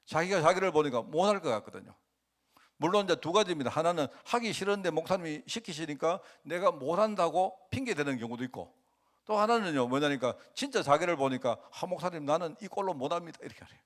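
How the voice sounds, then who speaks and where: A man's voice: on the high side, animated, fast talker. A male pastor preaching a conversational sermon in a church, often asking the congregation rhetorical questions.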